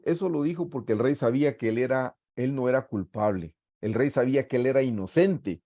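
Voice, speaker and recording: A middle-aged man with a Guatemalan accent leads a Bible study as a sermon over a video call. His voice is warm and mellow. He reads scripture passages and then explains them earnestly to the congregation. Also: medium pitch. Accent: Guatemalan Spanish. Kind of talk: sermon-style Bible teaching.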